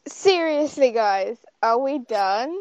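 A woman's voice: on the high side, lively intonation, takes it slowly, darkish tone, slight background noise. A young woman, a singer guest on a podcast, chatting in a giggly, chatty way. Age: young adult. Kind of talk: casual chat. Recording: dull lo-fi sound.

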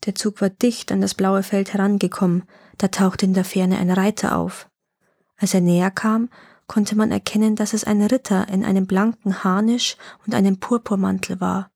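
A woman narrating a fairy-tale legend in a calm, even reading voice. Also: mid-range voice, vocal fry, breathy edge, dry recording, clean studio sound.

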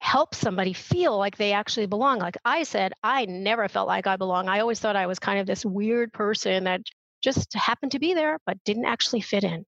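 A woman hosts a radio interview show, upbeat and careful as she reads through her introductions. Her voice sits at an ordinary middle pitch. The sound is close and dry, with no room around it. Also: brisk, fairly bright tone, no echo, muffled recording.

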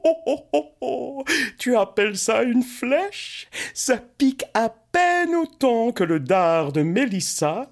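A man's voice: darkish tone, exaggerated voice. A man doing a boastful, vain god. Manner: haughty, mocking, booming laugh. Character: boastful, vain young male sun god.

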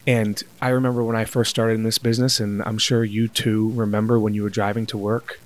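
A man's voice: on the low side, flat delivery, a little fast. A man who teaches MRI technologists, telling stories as a guest in a casual conversation.

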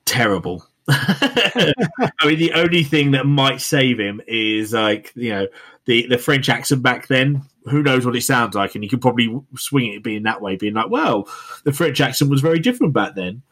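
A man's voice: medium pitch, moderate pace, a bit bright. A man, hosting a podcast and reviewing a film in rambling casual chat full of fillers. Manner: rambling, many fillers and restarts. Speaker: podcast co-host reviewing films.

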